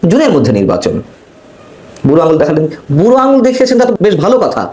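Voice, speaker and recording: A man's voice: a little high, darkish tone, echoey room, low-quality recording. A man hosting a political talk show, speaking to viewers in an emphatic commentary monologue from Bangladesh. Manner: emphatic, rising on rhetorical questions.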